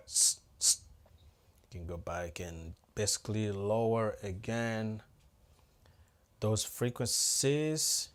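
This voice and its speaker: Laid-back lower-voiced man explaining sound gear. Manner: casual, thinks aloud while adjusting gear; talks straight to viewers as "guys". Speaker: audio-visual technician. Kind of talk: hands-on tutorial.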